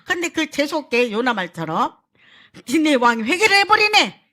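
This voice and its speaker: A woman pastor preaching a sermon, telling stories in an animated way and addressing the congregation directly. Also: high voice, moderate pace.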